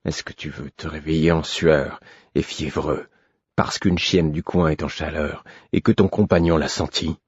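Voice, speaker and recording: Guy reading as gruff stern stablemaster, low husky menace, blows up loud when mad, dry flat recording. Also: normal speed, no echo, dull audio, exaggerated voice. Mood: brooding, menacing. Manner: low brooding menace, rising to roaring anger. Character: gruff grown man, stern stablemaster, drinking, bitter.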